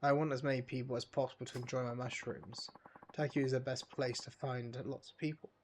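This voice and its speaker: A man reading out the lines of an earnest, stubborn young male mushroom seller in a video game, halting and full of fillers. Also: medium pitch, steady tone, a little mellow, slight background noise, close to an everyday voice. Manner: halting read with many fillers.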